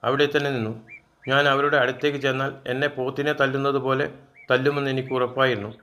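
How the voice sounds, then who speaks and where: A man's voice: medium pitch, little pitch movement, fast, pushed and bright. Man telling a childhood story. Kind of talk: first-person story narration.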